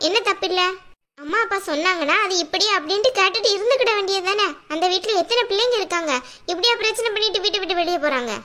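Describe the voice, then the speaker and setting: A woman's voice: very high-pitched, quick pace, sharp tone. A woman voicing a stern older aunt who scolds her nephew bluntly in a family drama skit. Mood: scolding.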